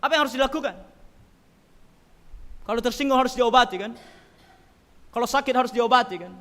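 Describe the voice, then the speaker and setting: Preacher, male: high, bright, forceful voice, emphatic, heard with long church reverb. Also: a little fast. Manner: emphatic, swings from loud stresses to quiet asides. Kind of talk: sermon.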